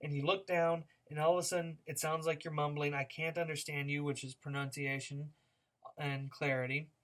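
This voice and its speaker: With a level tone at normal speed, a man teaching speech delivers a recorded lecture. He's casual and illustrative, varying his rate, pitch and loudness as examples, and his talk is full of fillers and restarts.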